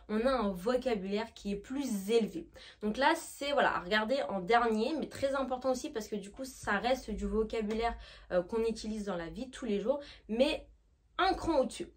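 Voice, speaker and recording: A young woman from France, an English teacher, explaining to camera and often checking in with her viewers. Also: on the high side. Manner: lively, checks in often with "d'accord?".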